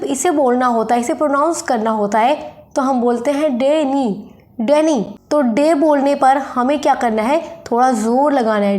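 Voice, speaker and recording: A woman teacher going over exam questions, explaining each point in English and then again in Hindi, reading definitions slowly. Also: high-pitched, darkish tone. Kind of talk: exam-prep lesson in Hindi mixed with English.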